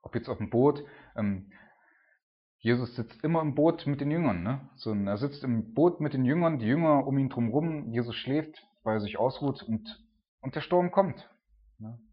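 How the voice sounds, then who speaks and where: A man giving a sermon in a loose, conversational way, often adding "ne?" and rising to loud cries when he retells dramatic scenes. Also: mid-range voice, lively intonation, normal speed, dull audio. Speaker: preacher.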